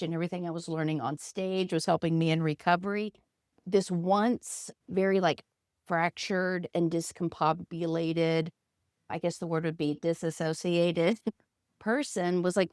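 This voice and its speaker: Expressive woman guest, dry close sound. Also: lowish voice, no room sound. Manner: reflective, expressive storyteller. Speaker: guest, actor and coach. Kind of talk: conversational interview.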